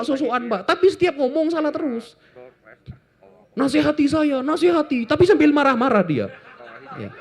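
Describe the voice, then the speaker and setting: A man from Indonesia, talking informally to an audience in a joking, animated way with lots of asides. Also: high-pitched. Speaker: Islamic apologetics speaker.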